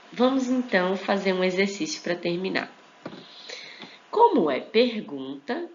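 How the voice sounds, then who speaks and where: Woman teaching english from home at night, explains slow and repeats examples, keeps checking in, dull lo-fi recording. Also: low-pitched, gravelly. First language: Portuguese. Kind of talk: casual online lesson. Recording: dull lo-fi sound with faint hiss.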